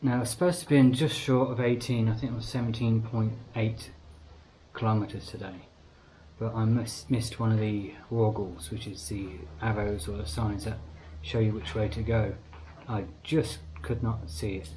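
A warm, lowish voice with a level tone and normal speed belongs to an Australian man vlogging on a bush trail. Breathing hard on a climb, he talks through his pack and its numbers in a matter-of-fact way. The casual outdoor recording is noisy.

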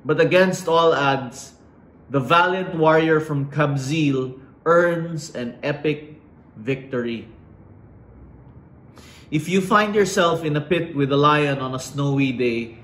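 Slow, dramatic middle-aged man speaking. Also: on the high side, fairly bright tone. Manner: slow and dramatic, with emphatic pauses. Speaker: commencement speaker. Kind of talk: inspirational speech. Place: indoors against a plain wall. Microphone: fixed camera at chest framing. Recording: roomy echo.

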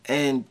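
A man's voice: a little high, a little mellow. Blunt man reacting to clips. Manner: blunt, conversational, lecturing. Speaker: reaction video host. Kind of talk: casual reaction commentary.

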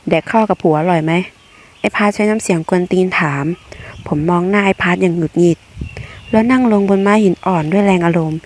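A woman's voice: mid-range voice, fairly even intonation, quick pace. A woman reading a romance web novel aloud, narrating in a blunt, slangy first-person voice. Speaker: audiobook reader.

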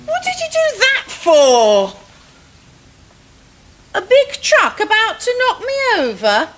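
A woman's voice: extremely high pitch, wildly swooping pitch, slow, a bit bright, soft background music, voice pushed up, exaggerated voice. A woman putting on the voice of a frail old lady stranded at a busy road, wailing with exaggerated helplessness. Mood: pleading.

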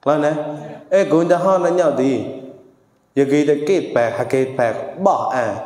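A man's voice: on the high side, unhurried, darkish tone. Man declaiming in an echoing hall. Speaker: traditional stage performer. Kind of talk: traditional Mon verse performance. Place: monastery hall. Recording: echoey hall with long reverb.

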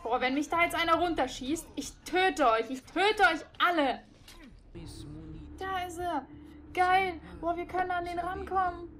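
A woman giving casual gameplay commentary on a headset, excitable and swearing at the game. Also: extremely high pitch, unhurried. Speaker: let's play gamer.

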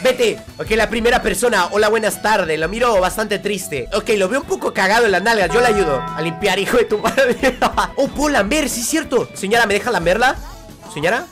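Young male streamer, loud and excitable, jokey let's-play host. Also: sits high, moderate pace, hardly any pauses, soft background music. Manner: loud, excitable, jokey, shouts and laughs a lot. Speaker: gaming streamer.

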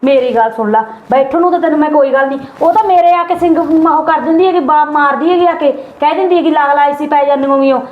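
A sharp-tongued, stingy sister-in-law, played by a woman, nagging and taunting in a high, rapid voice. The sound is dull and echoey, with a faint background hiss. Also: close to an everyday voice.

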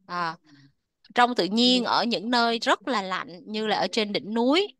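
A woman teaching English to children, switching between two languages and repeating words slowly so the class can echo them. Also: mid-range voice, expressive, fairly bright tone.

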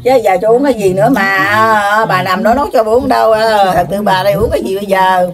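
An older woman with a Southern Vietnamese accent, rambling on in a lecturing, scolding way, full of drawn-out filler sounds. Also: mid-range voice. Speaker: self-proclaimed spiritual elder receiving visitors. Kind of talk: rambling, preachy monologue.

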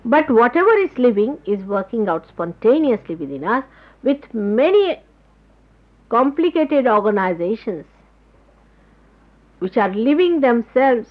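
A woman's voice: a little high, big pitch swings. Woman teaching on a dull old tape. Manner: explanatory, gropes for words with pauses. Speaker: spiritual teacher. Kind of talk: spoken spiritual talk to followers. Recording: dull lo-fi 1979 tape recording.

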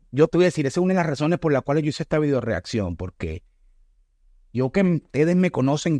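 A middle-aged man with a Venezuelan accent talks politics in an earnest, emphatic way, pressing on key words and then rushing ahead. His voice sits at a middle pitch. The sound is dry and close to the mic. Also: a little mellow, no room sound. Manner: earnest, emphatic, speeds up and slows for stress. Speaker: political commentator reacting to a video. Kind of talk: video reaction commentary.

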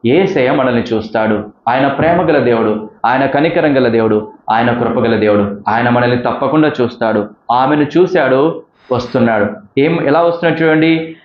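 A man's voice: medium pitch, moderate pace, echoey room, lo-fi sound. A man preaching a sermon as pastor, pressing the listener with repeated, rising appeals.

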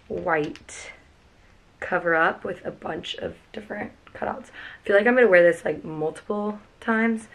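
A young woman with a lowish, gravelly voice vlogs her packing from the floor of a cluttered bedroom, casual, chatty and gushing, dropping plenty of "like" and "freaking." She is filmed by a camera a few feet off, and the audio quality is poor.

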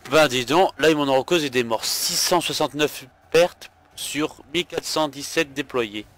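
A man's voice: on the high side, normal speed, a bit bright. Tired man narrating his strategy game. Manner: thinks aloud with hesitations and fillers. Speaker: gaming video host. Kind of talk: let's play commentary.

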